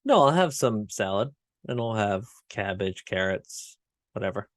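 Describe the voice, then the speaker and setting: Podcast co-host, male, low-pitched, blunt and self-deprecating, dry close mic. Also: animated, a little slow, no room sound. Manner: blunt, self-mocking, swears casually. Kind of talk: casual chat.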